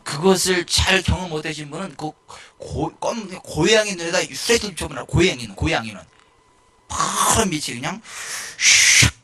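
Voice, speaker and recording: A male pastor giving a lively sermon in a church, rising to shouts and acting out the people in his stories. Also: a little high, moderate pace, breathy edge. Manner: animated, shouting at peaks, mimicking people.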